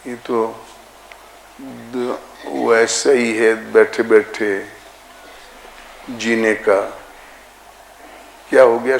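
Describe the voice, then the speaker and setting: A man giving a devotional discourse as a spiritual teacher, slow and deliberate, drawing out chanted syllables. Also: mid-range voice, gravelly. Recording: echoey room with faint ambient noise.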